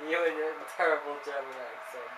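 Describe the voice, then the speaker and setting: A man's voice: on the high side, a little fast, crowd noise. A man, cracking jokes and laughing in casual banter over a football video game. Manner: joking, laughs at own jokes. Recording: roomy, noisy home recording.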